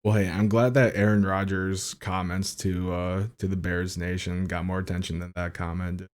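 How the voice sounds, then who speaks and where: A man's voice: low-pitched, normal speed. A man co-hosting a podcast, telling stories in casual chat and swearing freely. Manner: swears freely, animated storytelling. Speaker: podcast co-host.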